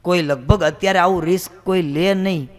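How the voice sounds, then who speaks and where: A swami tells one comic story after another to a gathered audience. He speaks in a fairly high male voice with a brisk storyteller's rhythm and slips into the voices of his characters as he goes. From Gujarat. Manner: brisk joke-telling, acts out characters' voices. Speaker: swami giving a comic religious talk. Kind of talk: humorous storytelling talk to an audience.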